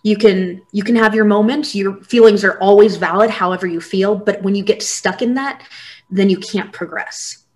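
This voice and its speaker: A woman's voice: medium pitch, fairly even intonation, moderate pace, a little mellow. A young woman speaking as a guest in a casual interview, open and earnest as she talks. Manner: open, earnest, laughs easily.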